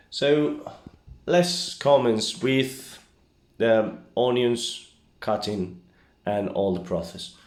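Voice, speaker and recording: An amateur home cook from the Basque Country, a man whose first language isn't English, gives a casual cooking tutorial in his home kitchen with a Basque accent. His deep, slightly mellow voice moves haltingly through each step, often checking in with "okay?". The room is echoey, with background hiss and clicks.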